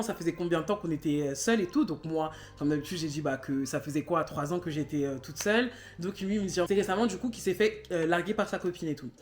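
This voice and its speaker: A woman in her twenties telling a personal story in a chatty vlog, talking loosely with lots of fillers and animated bursts. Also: mid-range voice, echoey room. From Cameroon. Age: 20s. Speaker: vlogger. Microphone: phone camera.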